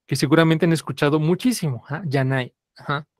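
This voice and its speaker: A man's voice: on the high side, a little fast, no room sound, clean studio sound. A man teaching a live language class, repeating students' answers and saying "ajá" constantly.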